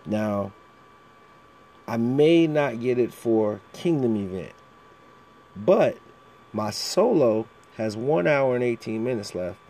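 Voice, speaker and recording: A man's voice: medium pitch, expressive, slow, pauses often, dark tone. A man giving a casual walkthrough of a mobile game, with a fan running in the background. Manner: frequent throat clearing. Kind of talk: casual video walkthrough commentary.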